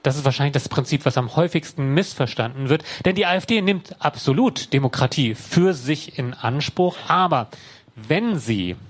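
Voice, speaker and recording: A man giving a political speech to an audience in a room, talking deliberately and slowing down to stress key words. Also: mid-range voice. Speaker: speaker addressing an audience.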